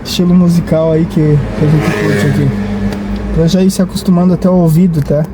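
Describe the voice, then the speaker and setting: This is casual vlog talk from a Brazilian man whose high-leaning, steady voice moves fairly quickly. He rambles hesitantly, restarting sentences and adding tag questions, while traffic makes the recording noisy.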